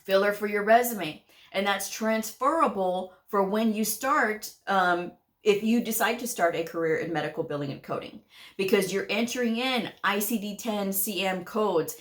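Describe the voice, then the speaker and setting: Speaking at a normal speed in a medium-pitched voice, the host of a medical coding channel talks straight to her viewers about careers. Her casual advice comes out firm, sprinkled with "okay?" checks and soft laughter.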